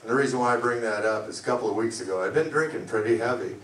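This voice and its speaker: A middle-aged man doing a stand-up comedy set, delivering deadpan one-liners. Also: mid-range voice, rapid-fire, recorded from a distance. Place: comedy club lounge. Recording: echoey club, mic heard from afar, loud noise. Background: audience laughter.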